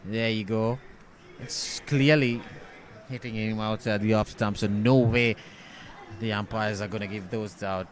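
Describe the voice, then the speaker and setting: A man's voice: lowish voice, steady tone, unhurried. A man commentating live on a cricket match, explaining play as a cricket commentator does.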